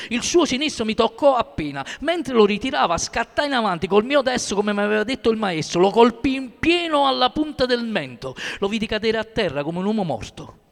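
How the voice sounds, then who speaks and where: A man reads a first-person story aloud, measured and steady. His voice sits high for a man. The recording carries a long reverb, as in a large hall.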